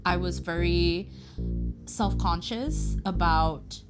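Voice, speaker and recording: A woman's voice: on the low side, slow. Playful woman raised in Singapore. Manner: playful, laughing. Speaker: cooking guest. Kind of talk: casual cooking show chat. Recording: music bed behind.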